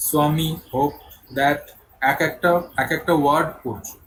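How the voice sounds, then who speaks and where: A man's voice: a little high, steady tone, measured pace, fairly bright tone, a little hiss or hum, low-quality recording. A man with a Bengali accent teaching English, patiently correcting a student's pronunciation step by step. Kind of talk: online tutoring session.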